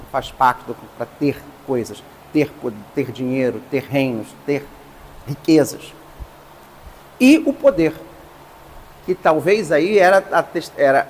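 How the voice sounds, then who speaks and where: Priest giving a lesson, kinda high voice, long reverb like a hall, slow careful explaining. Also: male voice, slight background noise. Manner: explains slowly, stressing terms. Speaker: priest teaching a class. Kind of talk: lecture.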